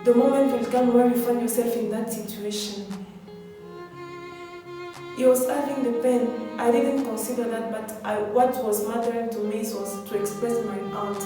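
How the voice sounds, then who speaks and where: A woman's voice: a little high, fairly even intonation, moderate pace. A woman giving a motivational speech in an earnest, exhorting way, repeating phrases for emphasis. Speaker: motivational speaker. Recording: very echoey, distant mic, music behind.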